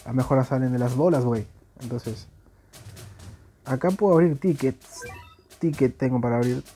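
A man's voice: mid-range voice, moderate pace, mellow, soft background music. A young man with an Argentine accent giving joking, slangy commentary while playing a video game. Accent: Argentine Spanish. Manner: joking, crude slang banter. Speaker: gaming YouTuber. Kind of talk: gameplay commentary.

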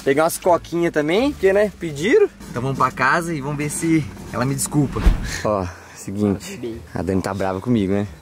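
A man's voice: medium pitch, expressive, fairly quick. A young Brazilian man filming a casual vlog, joking and apologizing to a friend with lots of banter. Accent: Brazilian Portuguese. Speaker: vlogger.

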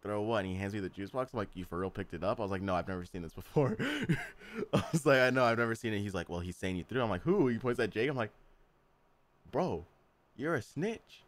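A man's voice: on the low side, expressive, quick pace, hardly any pauses. A young man hosting a podcast, telling a school story in casual chat, acting out quotes and laughing often. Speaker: podcast host.

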